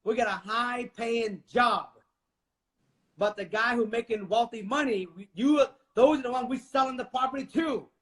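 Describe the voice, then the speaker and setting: High-voiced man giving an emphatic pep talk. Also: moderate pace, a bit bright. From Vietnam. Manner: emphatic and preachy, addresses listeners directly. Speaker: guest, real estate investor. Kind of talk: motivational interview talk.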